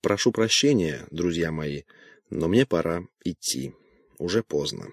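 A weary, bitter scientist, as a man reads him in an audiobook, speaks slowly and dismissively. His voice sits very low and is recorded dry and close, with no room around it. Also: animated, creaky, dry recording, full character voice. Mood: subdued. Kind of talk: audiobook character voice.

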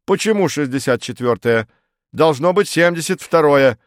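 A man doing a shrill fussy pedant. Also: animated, normal speed, no echo, clean studio sound, close to an everyday voice. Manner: pedantic, lecturing, insistent. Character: fussy pedantic male official, shrill and lecturing.

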